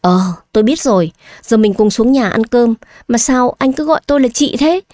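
A woman voicing an irritable, sharp-tongued young bride who scolds her husband, in an audio story. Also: fairly high pitch, lively intonation, normal speed, dry recording, clean studio sound, natural voice. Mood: irritated. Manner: snapping, scolding.

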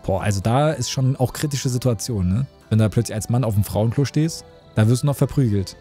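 A man's voice: medium pitch, a little fast, dark tone, soft background music. A young man streaming a tavern game, chatting casually with his chat, joking and reading out messages.

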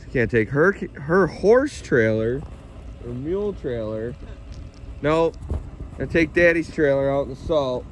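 A man's voice: mid-range voice, expressive, measured pace, a little hiss or hum. A man in his thirties, a farm vlogger, joking and teasing in casual chat from his truck and a snowy lot, recorded on a phone.

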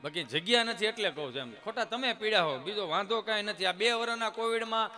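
A man, telling jokes in an animated way as a stand-up comedian on a temple stage. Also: high voice, fast, soft background music. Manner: animated storytelling.

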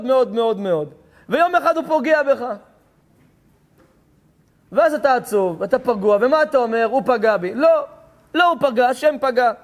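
A rabbi delivering a sermon, telling stories with passion, acting out dialogue and rising to shouts at times. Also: male voice, extremely high pitch.

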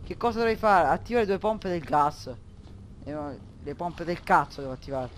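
Panicky swearing gamer. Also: male voice, fairly high pitch, expressive, moderate pace, slight background noise. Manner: panicky, swearing, bursts into yelling. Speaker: gameplay commentator. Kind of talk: horror game let's play commentary.

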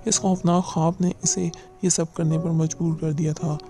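A man giving a dramatic audiobook narration of a novel, with a measured storytelling delivery that slows for tense moments. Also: fairly high pitch, flat delivery. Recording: narration over loud background music.

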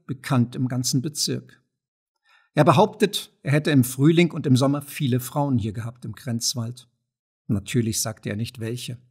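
A man narrating a classic novel as an audiobook, in a measured way, dropping low and soft at the narration tags. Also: husky.

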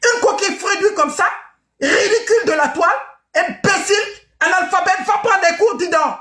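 Shouting, scornful high-voiced woman. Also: normal speed, reverberant. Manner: shouting, scornful, repeats insults, mocking laughs. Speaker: live-stream host. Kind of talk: heated live-stream insult rant.

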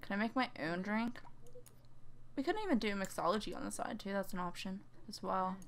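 A woman's voice: mid-range voice, animated, a little fast, slight background noise. A young woman giving casual let's play commentary, chatty and teasing, laughing often. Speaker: gamer.

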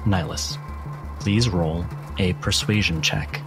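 A man narrates a tabletop roleplaying game as the game master, his voice sitting low and moving slowly. Background music runs as a bed under his voice.

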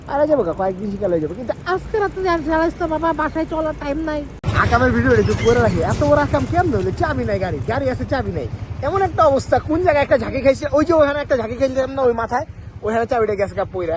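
A man with an Old Dhaka accent vlogging casually at night on a motorbike, exclaiming and chatting with friends, cold and worn out. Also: very high voice. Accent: Old Dhaka Bangla. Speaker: motovlogger. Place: city road at night, on a motorbike. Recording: noisy outdoor street recording. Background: traffic and street noise.

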